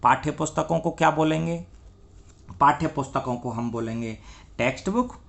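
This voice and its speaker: A man's voice: on the high side, moderate pace, gravelly, fairly bright tone. A man teaching English grammar, asking questions and answering them himself and spelling words out letter by letter. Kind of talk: classroom lesson.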